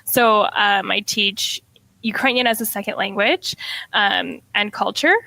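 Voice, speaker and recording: A middle school teacher in her twenties chats as a podcast guest in a casual interview, filling her talk with "like" and "um" and laughing often and easily. Her mid-range voice is creaky, bright and forceful, with fairly even intonation and a slightly slow pace. The recording is rough, with no echo.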